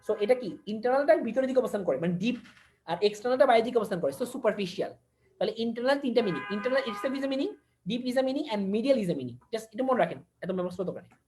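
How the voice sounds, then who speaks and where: Animated, fast-talking woman lecturer. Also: on the high side. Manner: mixes English terms into speech, repeats key words, quizzes listeners. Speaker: anatomy lecturer. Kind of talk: online anatomy class.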